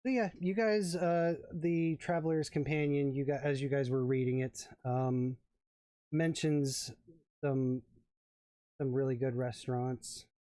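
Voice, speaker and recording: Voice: medium pitch, steady tone, a little slow, warm tone, dry recording. A game master narrating a tabletop game, hesitant and full of fillers.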